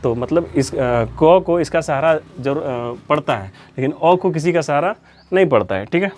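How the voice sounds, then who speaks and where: A man's voice: fairly high pitch, moderate pace, a little hiss or hum. A man teaching a physics lesson in a lecture style, asking questions and answering them himself, repeating key terms as a drill. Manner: steady, explanatory, drills terms.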